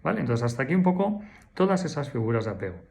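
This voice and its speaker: A man's voice: mid-range voice, sing-song, very fast, creaky, darkish tone, a little hiss or hum. A therapist explains things to the camera in a didactic way. He keeps asking rhetorical questions and checks in with short "mm?" sounds. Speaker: therapist answering viewer questions.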